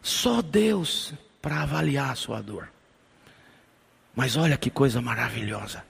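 A man preaching a sermon, telling a personal story with emotion, dramatic pauses and touches of humor. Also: medium pitch, expressive, gravelly, husky. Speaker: pastor.

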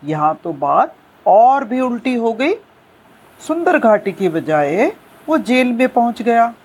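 A woman telling a folk tale in a slow, expressive storytelling manner, with a slightly husky voice. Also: a little high. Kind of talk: storytelling narration.

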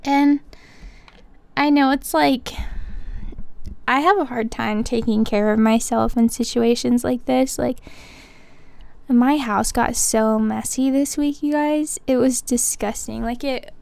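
A woman's voice: fairly high pitch, steady tone, slow, vocal fry, long pauses, a little mellow, clean tone. A woman in her twenties hosting a casual podcast chat, laughing often and saying "like" a lot. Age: 20s. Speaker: podcast host.

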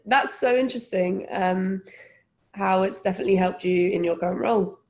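A woman's voice: medium pitch, moderate pace, darkish tone. Chatty woman hosting a podcast. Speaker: podcast host. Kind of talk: casual podcast interview.

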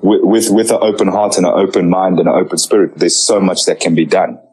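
A young man from Zambia hosting a casual interview, talking in halting bursts with many restarts and fillers. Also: low-pitched, steady tone, darkish tone, poor audio. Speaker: interviewer and music producer.

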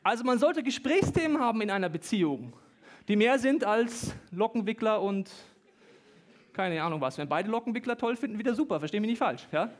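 In a spirited, comic sermon, a man of about thirty-something speaks with a high pitch. He breaks into jokes on the side and sudden quick-fire runs of words.

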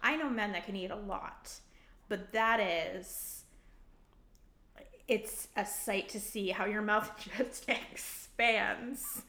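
A woman's voice: mid-range voice, slow. Teasing woman on a podcast. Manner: teasing storyteller, animated. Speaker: podcast co-host. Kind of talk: casual podcast chat. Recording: roomy echo.

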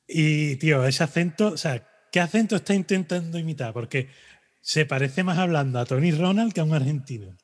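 A man's voice: fairly high pitch, moderate pace, long pauses. A man co-hosting a podcast, chatting casually and joking, with plenty of fillers and restarts. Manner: animated, joking, trails off into fillers. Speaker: podcast co-host. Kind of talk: casual chat.

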